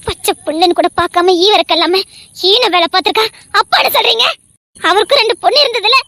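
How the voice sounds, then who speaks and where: A woman playing a devoted young wife, very high. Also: creaky, sharp tone, no echo, exaggerated voice. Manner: pleading, tearful and vehement. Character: young wife, wronged man's daughter, fiercely devoted. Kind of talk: dramatic audio story acting.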